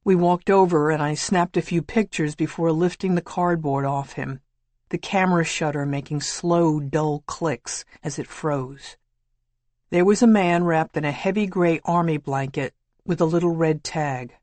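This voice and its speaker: A woman reading a memoir audiobook in a measured, matter-of-fact way. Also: low voice, a little mellow, dry recording. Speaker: audiobook narrator. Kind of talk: scripted memoir narration.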